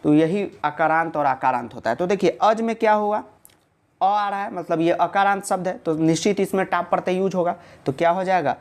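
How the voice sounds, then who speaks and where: A man's voice: high voice, a little fast. A male teacher gives a casual online video lesson. He keeps posing questions and answering them himself, and breaks in with jokes and reassurance for students. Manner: chatty and joking, reassuring students.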